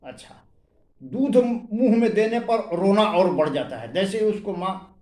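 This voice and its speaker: Slow-talking man teaching homeopathy. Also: sits high, animated, a little mellow, reverberant. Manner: reads out repertory rubrics word by word, stressing them. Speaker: homeopathy doctor. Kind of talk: explanatory medical lesson.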